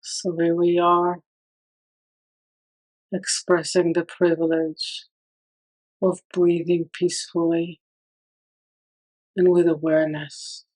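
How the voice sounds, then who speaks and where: In a calm, soothing way, a woman guides a meditation, speaking short phrases separated by long pauses. Her voice sits fairly low, and the recording quality is poor.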